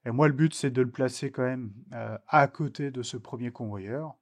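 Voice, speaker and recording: A man from France giving a screen-recorded software tutorial, talking slowly and hesitantly with many filler sounds as he explains each step. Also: medium pitch. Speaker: technical instructor.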